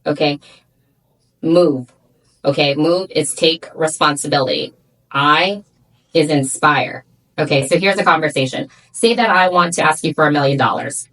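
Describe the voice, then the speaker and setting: Blunt, emphatic businesswoman guest with a lowish voice, coaching the listener. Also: moderate pace, a bit bright, poor audio. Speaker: salon owner guest. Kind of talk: podcast interview.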